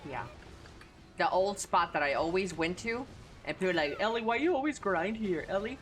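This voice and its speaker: In a mid-range, slightly bright voice with lively intonation and a moderate pace, a woman with a Texan Southern drawl banters with her stream audience while gaming. Her talk is casual, crude, profane and relaxed.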